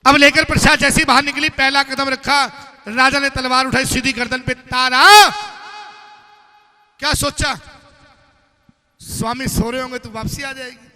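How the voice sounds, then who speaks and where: A man's voice: very high-pitched, flat delivery, normal speed, pushed and bright, long reverb tail. A man narrating a devotional story at a live gathering, urging the crowd to chant along.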